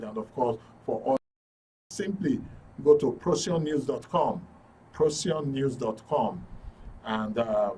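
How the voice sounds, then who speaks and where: A Nigerian-accented host of a current affairs radio and TV programme presents it live, joking and informal, from a broadcast studio. His voice is mid-range and mellow, recorded through a distant mic amid studio noise.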